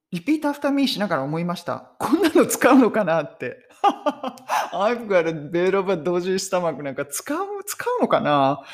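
A woman teaching English phrases in a casual, chatty way, laughing often and slowing right down to model English sentences. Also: fairly low pitch. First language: Japanese. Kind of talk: casual spoken English lesson.

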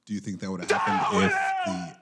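A deep-voiced man adds short remarks to a casual podcast chat, mostly agreeing and finishing others' points. Loud noise runs behind his voice. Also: flat delivery, a little fast. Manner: brief agreeing interjections. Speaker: podcast co-host.

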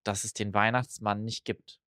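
A man's voice: on the low side, little pitch movement, moderate pace, bright, forceful tone, no echo, clean studio sound. A young man co-hosting a podcast in casual chat, loose and chatty, dropping English slang words. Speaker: podcast co-host.

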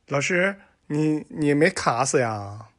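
Guy doing a cheeky schoolkid, always got an excuse, higher and louder than normal. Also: expressive, slow. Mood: protesting. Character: boy student Xiaoming, cheeky and quick with excuses.

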